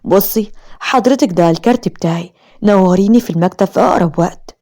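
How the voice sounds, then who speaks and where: A woman's voice: medium pitch, fast, mellow, natural voice. Woman doing a courteous male lawyer. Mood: polite. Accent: Egyptian Arabic. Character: polite middle-aged male lawyer, formal.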